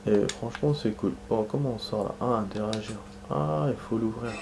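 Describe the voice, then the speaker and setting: A man's voice: on the low side, normal speed, gravelly, darkish tone, slight background noise. A man giving casual let's-play commentary, rambling and hesitant, with lots of fillers and restarts. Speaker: gaming commentator.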